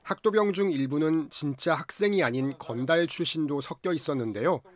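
A man's voice: a little high, a little fast. A man delivering scripted film recap narration in a formal storytelling manner.

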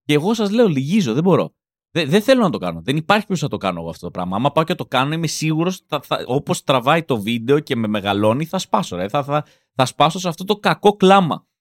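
A man's voice: fairly high pitch, dry recording, clean studio sound. A man in his thirties, a comedian hosting his podcast, telling rambling, self-mocking stories in a comic monologue. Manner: animated, rambling, self-mocking, acts out quotes.

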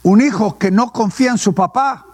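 Man, pastor preaching, high voice, asks and answers his own questions. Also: moderate pace, darkish tone, slightly rough. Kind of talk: sermon.

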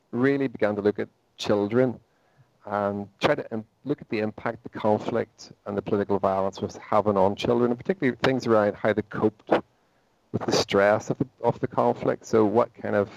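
A Northern Irish psychology professor in his forties answers interview questions as a guest, thoughtfully and with frequent sentence restarts. His voice is lowish, creaky, and darkish, in a dry, lo-fi recording.

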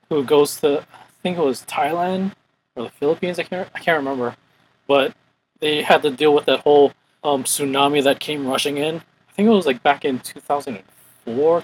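A man's voice: on the high side, fairly even intonation, normal speed, a little hiss or hum, rough recording. A man hosting a casual podcast, chatty and rambling as he talks about movies. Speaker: podcast host. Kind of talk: casual chat.

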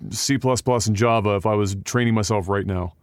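Smooth-voiced man in his thirties. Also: fairly low pitch, brisk, no echo, studio quality. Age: 30s. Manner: relaxed, swears, reads viewer questions aloud. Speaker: podcast co-host. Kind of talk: casual chat.

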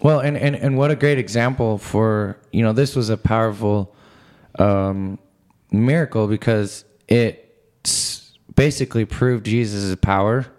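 A relaxed man thinking aloud about a Bible story in an easygoing chat. He fills his pauses with "I mean" and "you know" and builds his points slowly. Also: on the low side. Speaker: Bible study podcast co-host. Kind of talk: casual Bible discussion.

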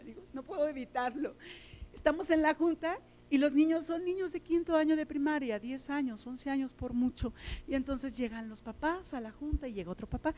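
A woman's voice: sits high, darkish tone. A middle-aged woman giving an emotional sermon, telling personal stories and often repeating her words. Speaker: teacher and lay preacher.

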